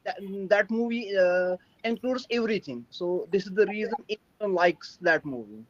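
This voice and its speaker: Young guy w kashmiri indian accent, high voice, halting english practice chat, dull lo-fi dry audio. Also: no echo. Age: young adult. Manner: hesitant, halting. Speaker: English learner. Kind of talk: practice conversation.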